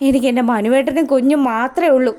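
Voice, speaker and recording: A woman's voice: high-pitched, quick pace, mellow, lightly acted. A woman voicing a tearful, clinging young wife in a retold serial scene, speaking in a plaintive, pleading way.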